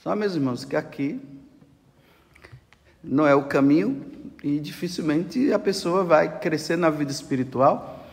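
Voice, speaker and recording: A man with a Brazilian Portuguese accent preaching a sermon, animated, with rhetorical questions. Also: fairly high pitch, a little slow, pauses often, echoey room, long reverb tail.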